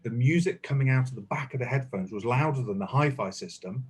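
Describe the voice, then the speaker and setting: A man in casual conversation, telling lively anecdotes and swearing casually. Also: mid-range voice, fast, slight background noise. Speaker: guest. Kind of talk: casual chat. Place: indoors, relaxed group chat.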